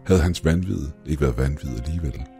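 Man with a super deep voice reading a spooky story, steady and measured, soft music under it. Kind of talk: scripted story narration.

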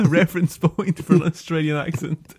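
A man co-hosts a casual comedy chat, tossing in wry, teasing remarks. His voice sits fairly high with a husky edge. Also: fairly even intonation, moderate pace, a little mellow. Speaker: podcast co-host.

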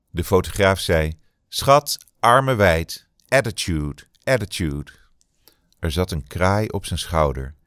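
A man narrating a literary novel in a measured reading, slowing down for dramatic beats. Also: low voice, no echo, clean studio sound.

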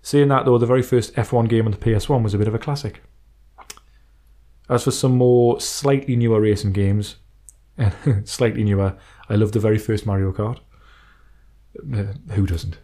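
On the low side with a warm tone, this man's voice keeps a fairly even intonation at a moderate pace. He co-hosts a podcast, casually discussing retro racing games and reading listener emails aloud.

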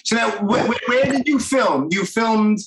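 A man's voice: sits high, unhurried, fairly bright tone, roomy sound, slight background noise, rough recording. A man with a Brooklyn accent hosting a podcast interview, chatty and enthusiastic in casual talk. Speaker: podcast host.

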